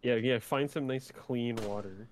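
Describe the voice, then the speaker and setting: A man on a voice call guiding a friend through a game, relaxed, teasing and amused. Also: mid-range voice, a little slow, slight background noise. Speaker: co-host on call guiding the player. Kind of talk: casual gaming chat.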